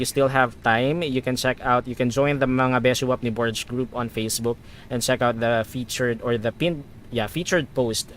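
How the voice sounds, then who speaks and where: A Filipino-accented man hosts a casual flight simulator stream. He is chatty, moving between procedures and viewers in a mid-pitched voice, with faint aircraft noise behind him. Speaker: livestreamer, virtual pilot.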